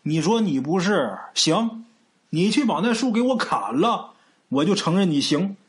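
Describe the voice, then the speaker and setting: A man voicing a blustering, foul-mouthed middle-aged village chief, shouting and cursing. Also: high voice, sing-song, measured pace.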